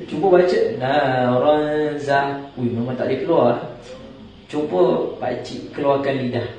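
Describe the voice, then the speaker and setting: Ustaz teaching in an echoing hall. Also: male voice, medium pitch, creaky, mellow, slight background noise. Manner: explains slowly, chants verses, tells jokey anecdotes. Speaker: Quran recitation teacher. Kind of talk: tajwid class with recited examples. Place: large echoing prayer hall. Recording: echoey hall, mic some distance off.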